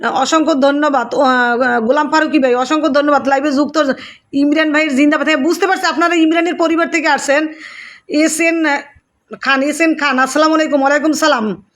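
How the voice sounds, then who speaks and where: A woman's voice: high voice, steady tone, a little fast. A woman hosting a live stream, reading out viewers' comments, greeting them by name and thanking them over and over.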